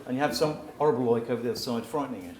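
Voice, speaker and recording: During a brief talk at a venue packed with a live audience, a man walks the crowd through exercises, speaking very fast in a mid-range voice and rising to loud calls with plenty of energy. Captured from far away, the sound is echoey and mixed with crowd noise.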